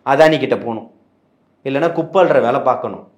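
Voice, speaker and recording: Fielding questions in a heated interview, a party spokesman gets combative, piling up rhetorical questions until he's shouting with passion. His voice is medium-pitched and fairly quick, in an echoey room with the highs cut off.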